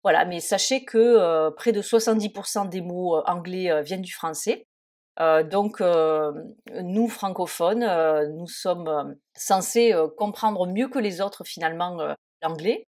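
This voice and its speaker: A woman's voice: lowish voice, a little slow, darkish tone. A woman teaching an English lesson in French, often hesitating and spelling words out letter by letter. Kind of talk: spoken lesson.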